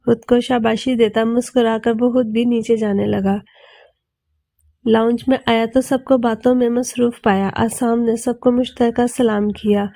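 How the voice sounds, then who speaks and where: A woman reading a novel aloud in an even, soft manner. Her voice is fairly high and mellow, recorded close and dry. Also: a little slow, creaky, no echo. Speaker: novel narrator. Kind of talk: audiobook narration.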